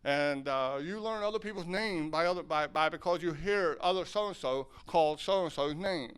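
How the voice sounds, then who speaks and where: Man, from southern Ohio, fairly high voice, smooth and clear, rambling teaching talk, quizzes the audience. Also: normal speed, a bit bright. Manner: rambling, self-correcting, asks the audience questions. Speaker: sign language teacher and speaker.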